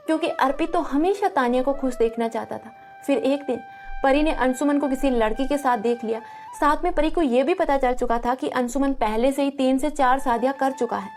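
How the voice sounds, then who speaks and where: A woman's voice: sits high, darkish tone. A woman narrating a romantic audio drama in an emotive storytelling way.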